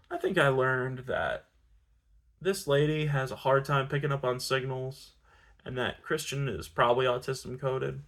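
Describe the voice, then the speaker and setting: A man reads a steamy novel aloud with deadpan flatness, tripping over words and backing up to fix them. His voice sits at an average pitch, and the delivery stays casual and comic. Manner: deadpan, stumbling and self-correcting. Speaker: reader and channel host. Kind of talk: comic audiobook reading.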